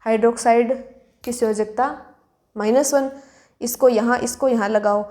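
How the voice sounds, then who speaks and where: Female teacher, warm and a little high-pitched, walking students through formulas step by step. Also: fairly even intonation. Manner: asks questions and answers them herself, slows to spell out formulas. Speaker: chemistry teacher. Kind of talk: classroom lesson explanation.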